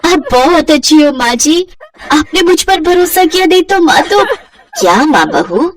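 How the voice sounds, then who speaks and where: A woman's voice: very high voice, sing-song, measured pace, far from the mic, voice pushed up, full character voice. A woman voicing a timid, anxious young bride who pleads and stammers. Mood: tearful grateful.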